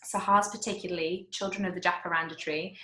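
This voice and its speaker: A woman's voice: on the low side, fairly even intonation, fast, bright, forceful tone, roomy sound, rough recording. A woman hosting a casual interview with an author over a video call, chatty and full of asides. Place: indoors at home.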